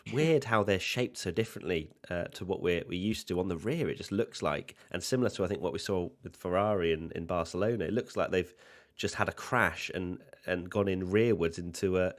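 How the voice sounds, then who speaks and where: A man's voice: deep voice, brisk, hardly any pauses. A man hosting a motorsport livestream, giving casual commentary and informally talking himself through tasks with dry teasing. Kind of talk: casual live commentary and chat.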